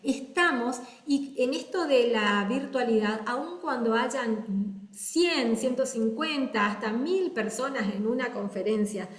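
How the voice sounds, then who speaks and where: A woman's voice: fairly high pitch, expressive, takes it slowly, hardly any pauses. A woman teaching public speaking in a webinar, explaining step by step over a video call. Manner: explains step by step, models her own intonation. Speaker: speech coach. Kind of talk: webinar lecture. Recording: echoey room.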